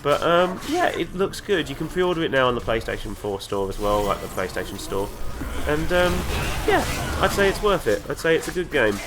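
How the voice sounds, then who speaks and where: A man's voice: fairly high pitch, big pitch swings, moderate pace. A man with the flu, sounding congested and nasal, chatting enthusiastically and a bit ramblingly while playing a game. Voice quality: nasal from a cold. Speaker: gaming video host. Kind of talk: let's play commentary. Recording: game music playing underneath. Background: game music and sounds.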